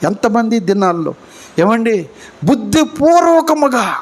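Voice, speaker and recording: A man preaching a live church sermon, firing rhetorical questions at the congregation and swinging between loud emphatic lines and quiet low ones. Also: sing-song, a little slow.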